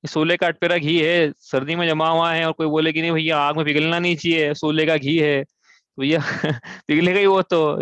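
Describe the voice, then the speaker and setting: A man's voice: on the high side, fairly bright tone, no echo. Hindi-speaking man teaching scripture, dry lo-fi sound. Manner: explains step by step, asks and answers own questions; chants verses slowly. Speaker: religious teacher. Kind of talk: scripture class explanation.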